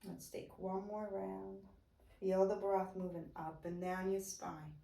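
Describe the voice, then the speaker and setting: A woman teaching a guided chair yoga class, giving slow, soft-spoken breath cues. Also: medium pitch, little pitch movement, vocal fry, recorded from a distance. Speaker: yoga instructor. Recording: roomy echo, voice away from mic.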